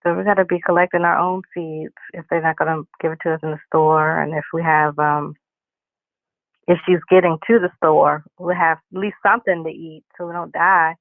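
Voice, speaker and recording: A caller on a live call-in show, chatting in a relaxed, conversational way. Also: mid-range voice, normal speed, dry recording. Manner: relaxed, conversational, trailing "you know". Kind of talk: casual call-in chat. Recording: tinny dry phone line.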